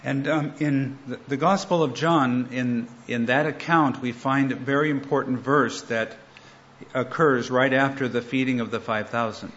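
A man preaching a sermon in short measured phrases, pausing for his interpreter. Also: mid-range voice, fairly even intonation, fairly bright tone, lo-fi sound.

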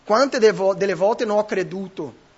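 A man's voice: high voice, normal speed, husky, highs cut off. A man preaching a sermon, emphatic and rhetorical, often correcting himself mid-phrase. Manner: emphatic, with frequent self-corrections and rhetorical questions.

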